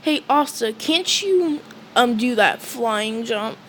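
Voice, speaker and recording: A boisterous young male magic comrade, as a woman puts him on, calling out brash, bossy lines. The voice sits somewhat high and the delivery is slow. Faint background hiss is heard. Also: expressive, fairly bright tone.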